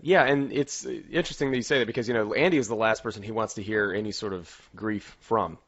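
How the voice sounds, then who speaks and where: A man co-hosting a podcast, casually discussing a film in a halting, thinking-aloud way. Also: on the low side, a bit bright, lo-fi sound. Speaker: podcast co-host.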